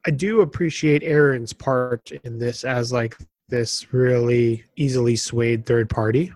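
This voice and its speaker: A man's voice: mid-range voice, steady tone, unhurried, a little mellow, no echo. A man co-hosting a casual podcast chat, making wry joking asides. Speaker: podcast co-host.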